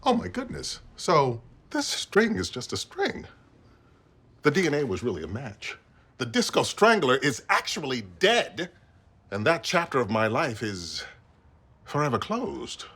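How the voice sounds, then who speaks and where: A middle-aged man playing a stubborn, grandly dramatic police captain in a sitcom, with deliberate, formal, old-fashioned delivery. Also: medium pitch, huge pitch swings, fairly bright tone, slightly rough, heavily acted. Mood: deflated. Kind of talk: sitcom acting.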